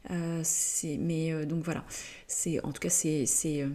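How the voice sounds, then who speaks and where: A woman delivers a channeled spiritual message at an unhurried, drawn-out pace, her voice set somewhat low. She speaks gently and haltingly, filling gaps with soft hesitations while she searches for her words, and she yawns now and then as she goes. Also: level tone. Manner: hesitant, halting, many fillers and pauses; yawns often during the session.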